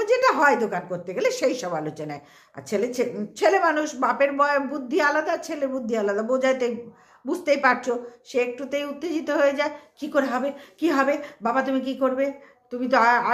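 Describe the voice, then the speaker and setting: A woman's voice: high voice, fairly bright tone, echoey room. A woman vlogger talking casually to her camera at home, chatty and rambling with lots of fillers, earnestly pleading for harmony. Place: at home, family talking nearby.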